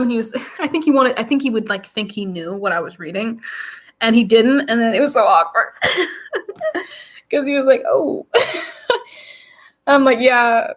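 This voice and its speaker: A woman's voice: on the high side, a bit bright. A young adult woman chatting casually to viewers in a rambling, giggly way, close to a computer mic at home. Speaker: vlogger.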